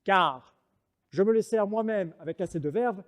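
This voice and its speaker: A man's voice: high voice, moderate pace, fairly bright tone. An actor playing a proud, mocking swordsman poet in a French verse monologue, declaiming like a hammy stage actor. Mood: scornful, proud. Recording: reverberant hall sound.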